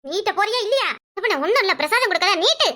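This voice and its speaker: A woman voicing a bossy, devout village woman in a cartoon comedy, with a shrill scolding manner and a Kanyakumari Tamil accent. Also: expressive, rapid-fire, sharp tone, full character voice. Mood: possessed, commanding.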